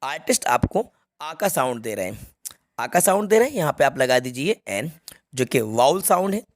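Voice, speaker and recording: A man's voice: medium pitch, very animated, moderate pace. A young man teaching an English grammar lesson to students, explaining step by step and checking that they follow. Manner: explains step by step, repeats key points, checks students understand.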